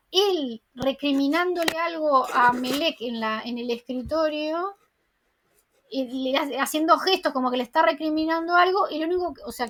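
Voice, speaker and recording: High-voiced woman recapping a series. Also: fairly bright tone. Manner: chatty plot retelling, strings lines together with "entonces" and "o sea". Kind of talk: casual episode recap.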